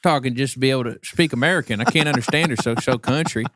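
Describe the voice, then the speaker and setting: A man hosting a podcast, teasing his co-host with quick jokes in casual chat. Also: mid-range voice, fairly bright tone, no echo. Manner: joking, teasing, quick one-liners.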